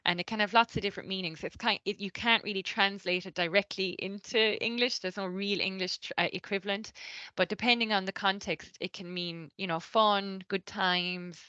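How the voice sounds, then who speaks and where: A woman's voice: medium pitch, fairly even intonation, normal speed, bright, forceful tone, dry recording, dull audio. An Irish woman giving a training talk, explaining patiently step by step with frequent ums. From Ireland. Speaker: cultural awareness trainer.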